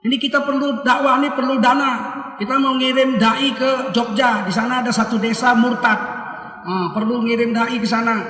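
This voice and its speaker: A man gives a humorous sermon, animating little scenes of everyday talk. His voice sits high and bright. He is recorded at a distance in an echoey hall. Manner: lively, acts out dialogues with raised voice. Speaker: preacher.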